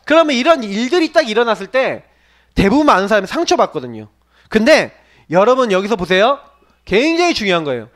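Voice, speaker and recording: This youth pastor's sermon comes in a high, very animated voice, a little fast and fairly bright. He acts out the voices he quotes and asks the young listeners question after question.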